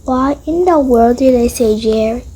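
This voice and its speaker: A female roleplay video creator improvises scenes voicing toy game characters in a husky, dark-toned voice that sits a little high. She speaks at a moderate pace, slangy and drawling, with sighs.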